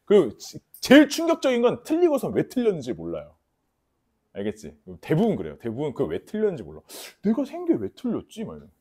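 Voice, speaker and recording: A male math teacher lecturing with a voice that swoops all over, up and down. He leans on his warnings, repeats them, and keeps checking that the class follows. His polite classroom speech slips into rough, blunt slang. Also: fairly high pitch, wildly swooping pitch, fast talker, darkish tone. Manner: repeats key warnings, asks students for confirmation. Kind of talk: lecture to students.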